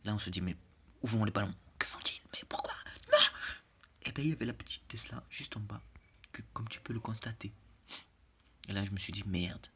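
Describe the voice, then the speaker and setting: A man's voice: fairly low pitch, brisk, pauses often, a bit bright, a little hiss or hum. A man giving casual, joking commentary over game replays, chatty and often checking in with the listener. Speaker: clan war replay commentator.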